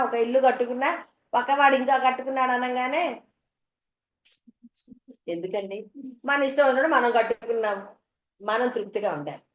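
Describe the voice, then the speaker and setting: High-voiced woman giving a spiritual discourse. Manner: conversational, tells homely anecdotes, asks the audience questions. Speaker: spiritual teacher. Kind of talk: devotional discourse to an audience. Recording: dull, echoey hall recording.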